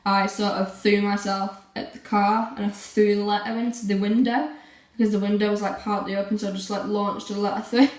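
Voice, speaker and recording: A woman's voice: medium pitch, flat delivery, a little fast, a little mellow. A teenage girl chatting casually to camera in a rambling way, full of fillers. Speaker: vlogger. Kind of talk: casual vlog chat. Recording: roomy, from a distance.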